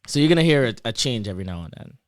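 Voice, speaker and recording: A young PhD student, interviewed as a guest, has a Trinidadian accent that drifts toward American. In a racing, mid-range voice he explains things in a lively, casual way, full of examples and fillers. The studio sound is clean with no echo.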